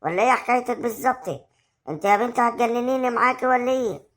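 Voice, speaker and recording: A woman's voice: expressive, racing, natural voice. A woman with an Egyptian accent acting a domineering village mother who scolds her son's wife in an amateur family drama. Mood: scolding. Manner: scolding, shrill and confrontational. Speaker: actor in amateur web drama.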